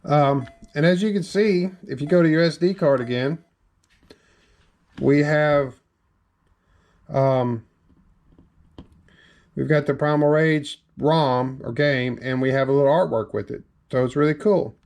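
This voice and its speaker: A man's voice: fairly high pitch, measured pace, pauses often, darkish tone. A man with a Southern US accent talking casually through a step-by-step tech tutorial, full of ums and restarts. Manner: rambling, filler-heavy, step-by-step narration. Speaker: game hardware reviewer. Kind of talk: casual screen-recorded tutorial.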